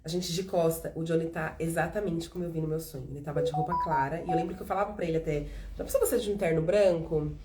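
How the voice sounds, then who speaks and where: A woman in her thirties from São Paulo, with a São Paulo Brazilian Portuguese accent, hosts a casual faith testimony chat and acts out the dialogue as she tells her story with animation. Her voice is low and fast with few pauses, over heavy background noise.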